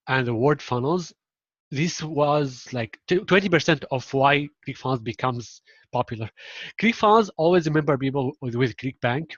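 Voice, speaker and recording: A man's voice: fairly high pitch, dry recording, lo-fi sound. A man from Syria who speaks natively, answering interview questions in English, often using fillers and restarts. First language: Arabic. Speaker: guest, marketing implementation director.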